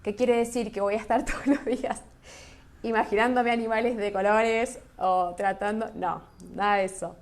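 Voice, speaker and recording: A woman's voice: medium pitch, fairly even intonation, normal speed. A woman teaching a graphology class online, chatty and enthusiastic, answering chat questions as she goes. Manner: enthusiastic, chatty, loses her thread.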